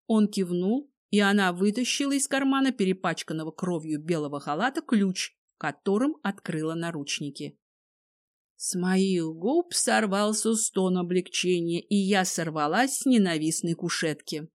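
A woman reading a first-person dramatic story aloud, expressive throughout. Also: fairly low pitch, moderate pace. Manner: expressive, voices each character. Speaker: audiobook narrator.

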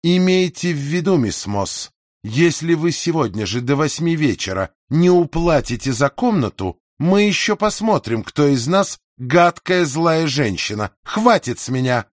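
A man voicing a nagging, sharp-tongued middle-aged landlady in an audiobook, scolding and insistent. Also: fairly high pitch, big pitch swings, unhurried, dry recording, clean studio sound. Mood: threatening. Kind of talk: audiobook character voice.

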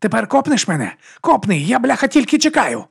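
A man's voice: high-pitched, very animated, fairly quick, vocal fry, fairly bright tone, slightly rough, pitched above the performer's own voice, heavily acted. A man voicing a savage, hot-tempered female werewolf warrior who snarls threats, in an audiobook reading. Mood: menacing.

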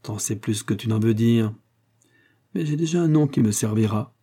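A man's voice: on the low side, normal speed, dark tone, slightly rough. A man voicing a cunning older police inspector who pretends to be a humble, hard-of-hearing uncle. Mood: muttering. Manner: feigned humble politeness, sly muttered asides.

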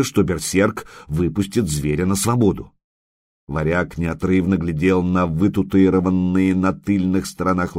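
A man narrating a first-person adventure novel in a wry, expressive manner. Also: low voice, slightly rough, no room sound, studio quality. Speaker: audiobook narrator.

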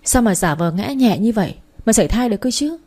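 A woman's voice: mid-range voice, lively intonation, fast, dark tone, lightly acted. A woman voicing a scornful, domineering elder sister-in-law in a storybook reading. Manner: mocking, bossy.

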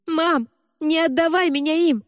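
A woman voicing a desperate, defiant teenage girl who pleads and shouts. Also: sits high, a little slow, dry recording, clean studio sound, voice pushed up.

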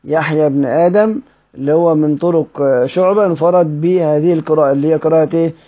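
Egyptian guy teaching quran readings, kinda high voice, stops and restarts a lot, muffled old recording. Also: dark tone. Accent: Egyptian Arabic. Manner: halting, restarts words, drawls out the names of readings slowly. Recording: dull lo-fi recording.

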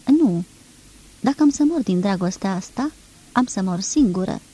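A woman reading an audiobook, voicing a tender, fearful young woman in love with a soft, pleading manner. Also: mid-range voice, lively intonation, slightly rough, rough recording.

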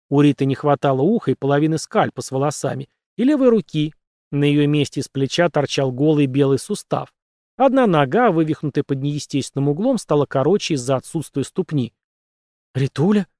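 A man reading a story aloud as narrator, in an expressive storytelling manner. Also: fairly high pitch, dry recording, studio quality. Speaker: audiobook narrator. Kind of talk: scripted narration.

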